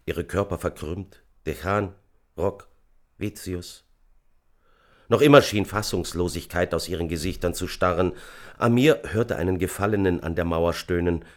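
Deep-voiced man reading an audiobook. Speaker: audiobook reader. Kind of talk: scripted narration.

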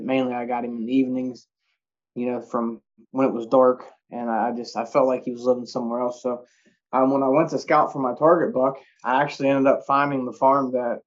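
The audio is dull and lo-fi. A man at a middling pitch. He tells hunting stories casually, rambling along in folksy phrasing. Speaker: deer hunter. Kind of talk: casual storytelling about hunting.

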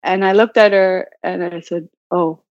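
A woman's voice: mid-range voice, steady tone, normal speed, darkish tone. A woman from Arctic Canada, giving reflective interview answers in a hesitant way, searching for words. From Nunavut, Arctic Canada. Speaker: interview guest, Inuit language learner and business owner. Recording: dull, roomy, lo-fi call audio.

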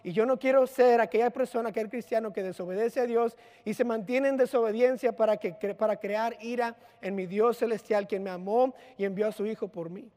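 A man preaches in a loose, conversational way, weaving in personal anecdotes and little acted-out lines. His voice sits high for a man. A long hall reverb trails each phrase. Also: fairly even intonation, brisk, few pauses, mellow. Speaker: pastor. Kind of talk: sermon.

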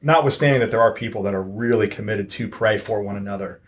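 A man's voice: on the low side, quick pace. A man who is a church elder and podcast co-host, chatting casually in an easygoing, teasing way. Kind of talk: casual chat.

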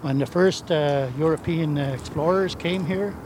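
An older man, an elder and spiritual advisor, speaking haltingly with many restarts on a walking tour by a river. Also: on the high side. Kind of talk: spontaneous talk on a walking tour. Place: outdoors by a river. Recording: outdoor recording with loud background noise.

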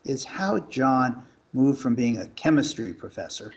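A man calling in over a clipped, breaking-up phone line, asking a long, halting question with restarts. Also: mid-range voice, expressive. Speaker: call-in guest asking a question. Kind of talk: casual radio call-in.

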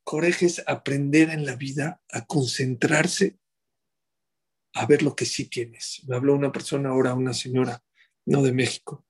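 A middle-aged man delivers a rabbi's sermon. His voice has a husky edge, and he keeps asking his listeners rhetorical questions in an animated way. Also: medium pitch, normal speed.

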